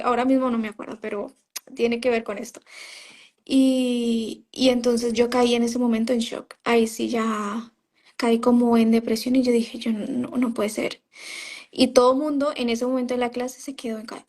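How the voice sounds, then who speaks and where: Higher-voiced woman recounting her story. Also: a little mellow. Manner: storytelling, often quoting herself, frequent "¿sabes?" and "o sea". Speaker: interview guest, former member of a religious group. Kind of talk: personal testimony in conversation.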